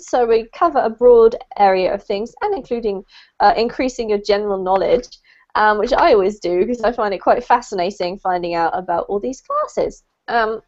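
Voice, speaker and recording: A woman's voice: on the high side, a little mellow, dull audio. A woman teaching a live online English class, chatty and speaking straight to her students over a video call.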